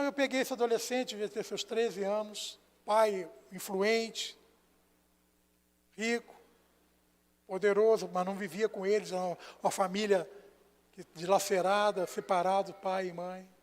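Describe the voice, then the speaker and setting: A Brazilian man preaching as a pastor, telling a story and swinging between hushed and loud passages. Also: high-pitched. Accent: Brazilian Portuguese. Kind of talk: sermon. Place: church sanctuary. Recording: long church hall reverb.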